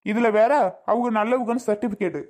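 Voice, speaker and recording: A woman's voice: on the high side, moderate pace, a little mellow, natural voice. A woman voicing a grown son in a cartoon, blunt and exasperated. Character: grown son, impatient and dismissive. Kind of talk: animated cartoon voice acting.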